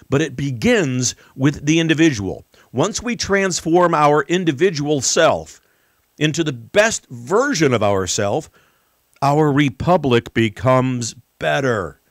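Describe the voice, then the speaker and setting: An American man hosting a political talk show, delivering an emphatic, rhetorical monologue with deliberate pauses and repetition. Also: medium pitch, no room sound, studio quality.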